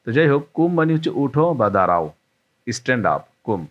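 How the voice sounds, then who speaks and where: A male Arabic teacher gives a spoken lesson, going through phrases patiently and repeating each one with its meaning. His voice sits at an ordinary middle pitch, and the recording sounds a little dull and lo-fi. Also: very animated, fairly quick.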